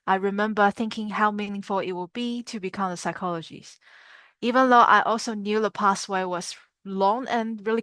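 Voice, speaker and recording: A woman in her twenties from China, a psychologist, calmly recalling her path in an interview. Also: mid-range voice, no room sound. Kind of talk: calm interview recollection.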